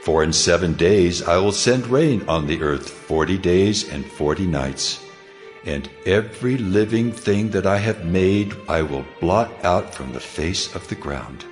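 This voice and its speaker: An actor playing God in a dramatized scripture reading, a solemn almighty deity speaking in a grave, commanding, declamatory way. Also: male voice, deep voice, animated, measured pace. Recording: long cavernous reverb over music.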